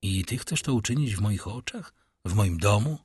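A man's voice: fairly low pitch, animated, moderate pace, darkish tone, breathy edge, no room sound, clean studio sound. A man voicing a despairing young man who is sincere and weary of life, in a pleading, heartfelt delivery.

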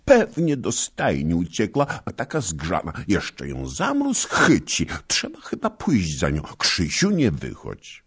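A man's voice: low voice, huge pitch swings, takes it slowly, few pauses, husky, pitched above the performer's own voice, full character voice. A man voicing an anxious, motherly noblewoman who speaks urgently. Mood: worried. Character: fussing motherly noblewoman, worried and caring.

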